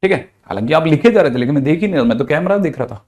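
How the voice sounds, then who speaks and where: A man's voice: a little high, lively intonation, rapid-fire, a little mellow. A man, a physics teacher giving a chatty, playful lecture. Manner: chatty, playful, with mixed Hindi-English math terms.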